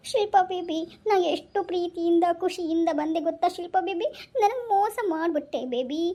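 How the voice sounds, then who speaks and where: A woman's voice: very high voice, a little fast, dark tone. A woman voicing a melodramatic, heartbroken young husband in a comic skit, whining and pleading. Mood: wailing. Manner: whiny, pleading, over-the-top lament.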